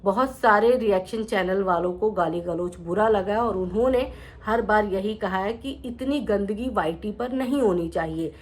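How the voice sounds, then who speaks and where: A woman's voice: mid-range voice, normal speed. A young woman hosting a reaction channel, giving earnest opinion commentary and speaking directly to the people involved in a lecturing tone.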